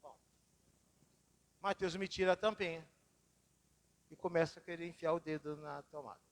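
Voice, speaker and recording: A pastor with a slightly high voice preaches a sermon at normal speed, his intonation fairly even. He tells personal stories with dramatic swings in his voice, and the church hall gives the recording a long reverb.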